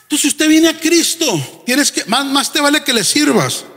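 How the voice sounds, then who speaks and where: A man preaching a fervent sermon as pastor, firing rhetorical questions and shouting at the peaks. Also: extremely high pitch, very animated, moderate pace, long reverb tail.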